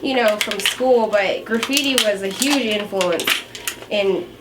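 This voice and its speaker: Loud music makes this recording very noisy. The speaker is a talkative woman of roughly twenty, born in Japan, who works as a tattoo artist and answers interview questions casually with frequent laughter. Her pitch is medium and her pace measured.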